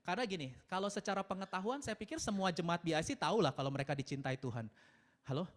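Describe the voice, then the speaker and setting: A married man preaching a sermon in a chatty, animated way, laughing often and mixing in English words. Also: high voice, fast. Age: adult, married. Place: church service.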